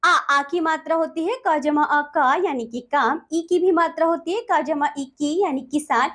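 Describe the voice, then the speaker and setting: A woman's voice: sits high, a bit bright. A woman teaching a grammar lesson to children. She asks and answers her own questions and reads out the letters one by one. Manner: reads letters one by one in a slow, sing-song drill.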